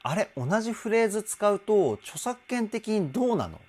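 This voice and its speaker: A man's voice: sits high, big pitch swings, normal speed, a little mellow. A male vocal trainer giving an enthusiastic, explanatory song analysis and now and then singing short phrases to demonstrate.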